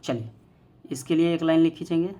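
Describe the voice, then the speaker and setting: A man's voice: on the high side, fairly quick, mellow. A male math teacher, giving a playful classroom lesson and teasing his students while repeating steps.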